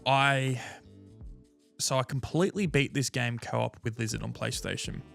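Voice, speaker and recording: Casual podcast co-host, male, gravelly fry, animated and blunt, faint music underneath. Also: medium pitch, moderate pace. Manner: animated, frank, swears freely. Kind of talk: casual gaming chat.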